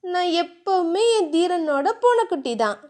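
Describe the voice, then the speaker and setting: Woman voicing a timid young heroine, high-pitched, soft, hesitant, audiobook novel. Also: lively intonation, normal speed. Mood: shy.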